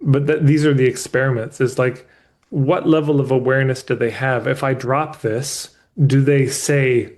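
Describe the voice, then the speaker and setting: Male business coach, live session, mid-pitched, candid and emphatic, loose and sweary. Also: steady tone, moderate pace, a little mellow. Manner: restarts mid-thought as he explains.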